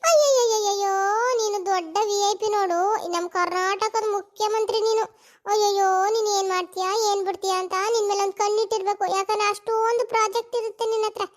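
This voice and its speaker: A melodramatic middle-aged cartoon wife who whines, wails and bosses people around. Her voice is squeaky and very high. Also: fairly even intonation, fast. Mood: scolding. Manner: whiny, melodramatic. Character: dramatic middle-aged wife, wailing complainer.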